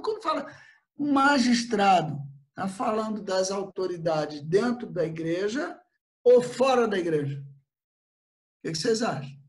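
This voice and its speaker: An older man with a Brazilian Portuguese accent, a church elder giving an animated Bible study sermon over a video call. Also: sits high. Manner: animated, acts out little quoted exchanges.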